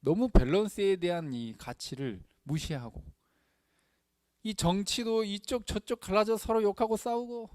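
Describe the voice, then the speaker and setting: A male pastor preaching a sermon in a chatty, animated way, acting out quoted lines in different voices. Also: sits high, unhurried, no echo, studio quality.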